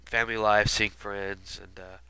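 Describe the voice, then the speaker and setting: Here a stuffy-nosed man, ill at the time, gives casual album retrospective commentary for a video, wandering off with many fillers and asides. His pitch sits on the low side and his delivery is flat at a normal speed, bright, forceful and smooth. There's no echo, though the recording itself is rough.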